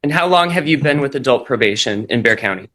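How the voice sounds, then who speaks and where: Prosecutor, man, formal and measured, captured on courtroom audio. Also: medium pitch, lively intonation, bright, forceful tone. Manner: formal, measured legal phrasing. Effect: courtroom recording. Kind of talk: reading charges and questioning a witness in court.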